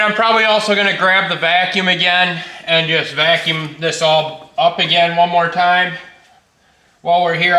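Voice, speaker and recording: A man's voice: high-pitched, pushed and bright. A man casually narrating his work on an old truck in his garage, laid-back and plainspoken with casual swearing. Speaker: garage vlogger. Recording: echoey garage with faint noise.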